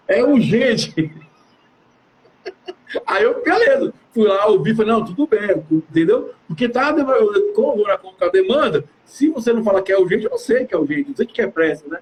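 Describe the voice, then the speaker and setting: Fast, very high-voiced man chatting. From Brazil. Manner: animated, slangy, addresses audience directly. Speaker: professional building manager, live co-host. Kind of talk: casual live chat.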